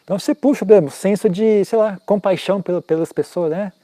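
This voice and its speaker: A man's voice: sits high, quick pace, warm tone, no room sound. A man teaching Buddhism in an informal, conversational talk, often tagging his sentences with questions and making self-mocking asides.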